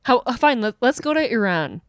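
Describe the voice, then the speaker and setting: A woman's voice: on the high side, sing-song, a little fast, no echo, studio quality. An American woman co-hosting a podcast, in casual chat full of teasing, laughing banter. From United States. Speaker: podcast co-host.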